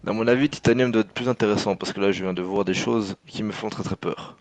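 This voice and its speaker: Male race co-commentator, lowish voice, casual live delivery, opinionated and teasing. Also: steady tone, quick pace. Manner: opinionated, mocking motorsport commentator. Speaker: motor racing co-commentator.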